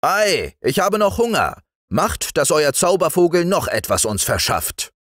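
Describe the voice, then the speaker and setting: A man voicing a blustering, hungry farmer husband with loud, eager exclamations. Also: medium pitch, sing-song, normal speed, dry recording, studio quality, voice pushed up.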